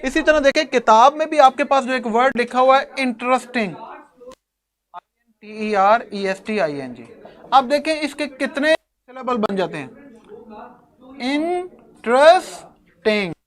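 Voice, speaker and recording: A man's voice: extremely high pitch, lively intonation, moderate pace, a bit bright. A man teaching an English grammar lesson to a class, explaining step by step and addressing his students fondly. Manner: chuckles now and then.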